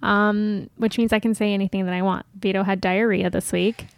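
A woman's voice: mid-range voice, fairly even intonation, brisk, gravelly, no room sound. A woman co-hosting a podcast in casual chat with her husband, teasing him and laughing often. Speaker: podcast co-host.

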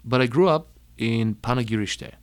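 A young man from Bulgaria with a Bulgarian accent, telling his life story in an emphatic, energetic way and listing words one by one. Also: mid-range voice, normal speed. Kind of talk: personal talk.

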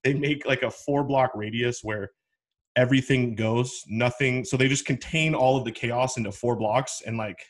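A young man hosts a laid-back podcast chat in a voice of ordinary pitch. He talks slangy and loose, restarting his sentences as he spins a story. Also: fairly even intonation, moderate pace. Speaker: podcast host.

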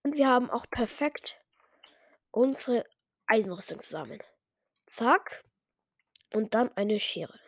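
A woman's voice: a little high, expressive, slow, pauses often, dry recording. A woman giving casual, self-mocking commentary while playing a game, muttering some lines under her breath. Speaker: gamer.

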